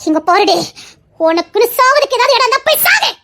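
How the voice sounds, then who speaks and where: A woman's voice: extremely high pitch, very animated, a little fast, heavily acted. A woman voicing a fierce, protective middle-aged village mother in an audio drama, who scolds, curses and sobs. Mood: threatening. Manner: scolding, shouting, cursing, sobbing. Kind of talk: Tamil audio drama acting.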